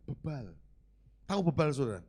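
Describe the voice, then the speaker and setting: A male pastor, preaching a conversational sermon. He keeps asking the congregation questions and moves between quiet asides and loud emphatic lines. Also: mid-range voice, very animated, brisk, slightly rough.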